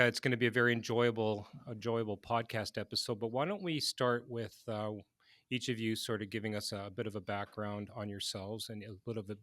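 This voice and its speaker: A man hosts an interview podcast in a loose, friendly manner, drifting into fillers as he talks. His voice sits a little low and sounds dry and close on a studio mic. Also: a bit bright, dry recording. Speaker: podcast host. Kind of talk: casual interview chat.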